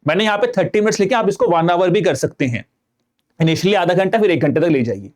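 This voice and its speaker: A man gives an online exam-preparation lesson in a fairly high voice. He talks to students like friends and raises their doubts in his own words before answering them. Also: animated, quick pace, a little mellow. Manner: conversational, addresses students as friends, asks and answers own questions. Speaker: exam prep teacher. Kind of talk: online lecture.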